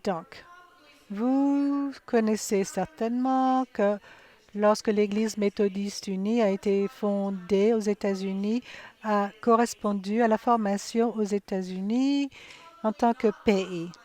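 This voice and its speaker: A woman giving live interpretation of a conference session, halting, with frequent fillers and self-corrections. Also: medium pitch, steady tone, darkish tone. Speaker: simultaneous interpreter.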